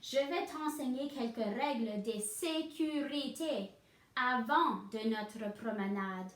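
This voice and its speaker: A woman's voice: high voice, slow, reverberant, recorded from a distance. A woman voicing a caring young girl who owns a puppy, in a picture book read aloud.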